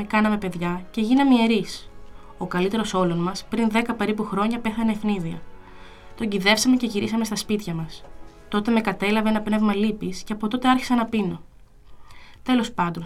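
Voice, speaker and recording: A woman voicing a gentle, weary middle-aged priest who tells his story in a quiet, plain way. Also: mid-range voice, natural voice.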